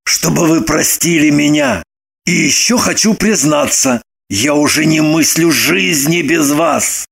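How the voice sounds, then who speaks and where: An actor playing an excitable young man who bursts into shouts and pleads desperately. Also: a little high, unhurried, creaky, breathy edge, exaggerated voice. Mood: confessing. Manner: loud, shouting outbursts.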